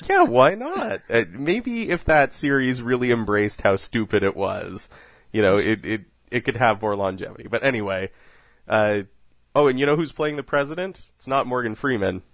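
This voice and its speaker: A man hosts a casual movie podcast in a lively, animated voice that swings widely in pitch. He jokes and laughs often between points. The sound is dry and close. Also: moderate pace, dry recording. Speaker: podcast host. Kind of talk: casual film podcast chat.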